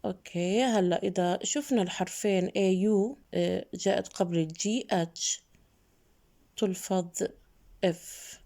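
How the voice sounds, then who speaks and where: A woman English teacher, giving a slow classroom lesson for young pupils and explaining in between the English words. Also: mid-range voice, dark tone. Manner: very slow, deliberate English, faster Arabic asides.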